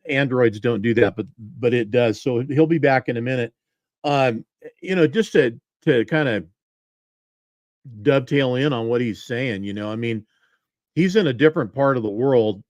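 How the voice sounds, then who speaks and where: A man's voice: medium pitch, no room sound, highs cut off. A man hosting a live talk show, chatting in a loose, easygoing way with fillers.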